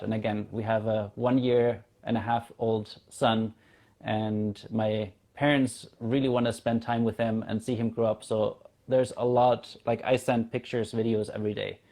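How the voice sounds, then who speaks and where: Slightly slow and level in tone, this man has a fairly low, dark voice. He is in his thirties, from Germany and a native German speaker, a community founder chatting casually as an interview guest on a video call.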